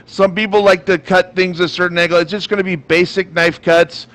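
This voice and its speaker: A chef talking in a halting way with many fillers on a video call, his voice cutting in and out. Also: high-pitched, little pitch movement, a bit bright. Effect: voice cutting in and out over a video call. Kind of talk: casual video-call interview.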